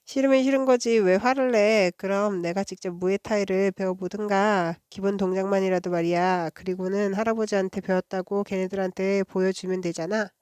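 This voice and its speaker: A woman voicing a pushy, talkative schoolboy friend in a storybook read-aloud, nagging and quick to anger. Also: medium pitch, steady tone, darkish tone, clean tone, no echo, lightly acted. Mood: coaxing.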